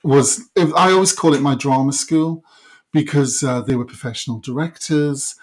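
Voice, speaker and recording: A middle-aged man with a Welsh Valleys accent, talking reflectively and a little haltingly as an interview guest. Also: medium pitch. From South Wales Valleys.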